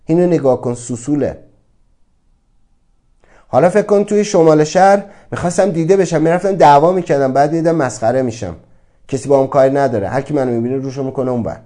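A man's voice: fairly high pitch, dark tone. A man giving a motivational talk, earnest and reflective, asking many rhetorical questions. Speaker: speaker on self-acceptance.

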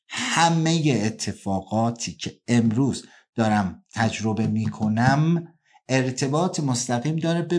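A man giving an earnest self-help talk, slowing down to stress points and acting out everyday scenes in quick bursts. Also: medium pitch. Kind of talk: motivational talk.

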